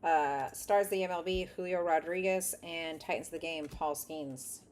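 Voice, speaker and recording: A woman's voice: sits low, moderate pace, darkish tone. A woman chatting casually while she sorts and sleeves trading cards, reading off a list of names. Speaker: card collector opening packs. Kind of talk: casual running commentary while sorting cards.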